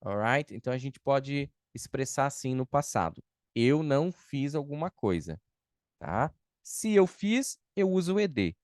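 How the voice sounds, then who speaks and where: A Brazilian man teaches an online English class at an unhurried, deliberate pace. He explains patiently and answers students' chat questions one by one. The recording is dry, with no room sound. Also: mid-range voice, big pitch swings, darkish tone, dry recording. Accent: Brazilian Portuguese.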